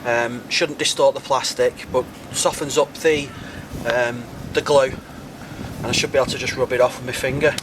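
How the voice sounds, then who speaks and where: A man with a croaky voice, casually explaining a car modification for his vlog, thinking aloud with plenty of uhs and ums. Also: medium pitch, fairly even intonation, normal speed, noisy background. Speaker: car modding vlogger.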